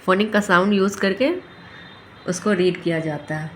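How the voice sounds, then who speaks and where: A woman's voice: on the low side, normal speed, fairly bright tone, a little hiss or hum. A woman teaching a phonics lesson, sounding out letters and words one by one.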